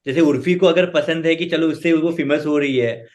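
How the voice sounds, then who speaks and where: Calm interviewer. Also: male voice, fairly high pitch, moderate pace. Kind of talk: interview questions.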